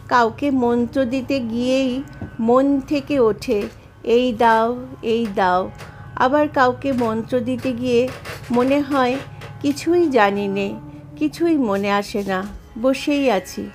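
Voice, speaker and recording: A woman reading aloud from a devotional book, telling the stories in a measured, reverent way. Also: a little high, soft background music.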